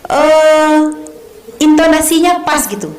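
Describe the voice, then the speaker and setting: A woman teaching recitation technique in a relaxed talk with a male colleague, hesitating often and checking with him as she explains. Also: high voice, slow. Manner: hesitant, many fillers, checks with co-host. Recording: echoey room.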